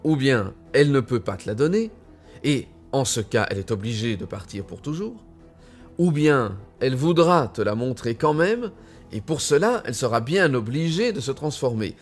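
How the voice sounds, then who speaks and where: A man reading a children's tale aloud with expressive, deliberate delivery. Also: mid-range voice, faint music behind. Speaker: storyteller.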